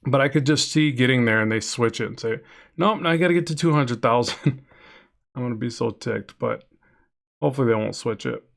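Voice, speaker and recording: Reading chat aloud and rambling as he draws live, this comic artist chats casually with his viewers. His nasal voice is creaky and a bit bright, medium in pitch and fairly quick.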